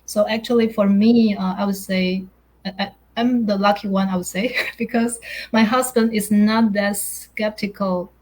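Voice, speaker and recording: Hosting a live chat over video, this middle-aged woman from Taiwan rambles hesitantly, filling gaps with "uh" and "you know." Her mid-range voice is darkish, with fairly even intonation and a normal speed, captured on a rough recording.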